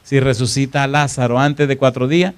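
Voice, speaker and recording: A man preaching a sermon in church, telling a story with dramatic swings between loud and hushed delivery and questions to the congregation. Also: mid-range voice, level tone, a little fast, clean tone.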